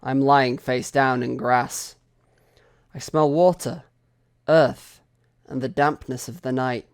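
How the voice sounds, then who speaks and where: A man reading a visual novel aloud in first person, slow and expressive, rising into anxious cries. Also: medium pitch, clean tone, dry recording.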